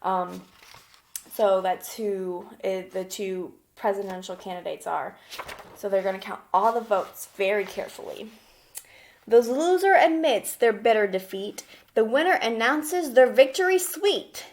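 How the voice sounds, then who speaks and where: This read-aloud lesson for young children comes from a woman elementary teacher whose medium-pitched voice is animated and a little slow. She explains simply, poses questions and checks in often as she gives instructions, and there's a slight hiss or hum in the background.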